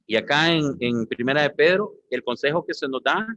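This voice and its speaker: A man's voice: fairly high pitch, brisk, sharp tone, no room sound. A man preaching a sermon as pastor, often calling his listeners brothers. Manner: preaching, addressing the congregation as brothers.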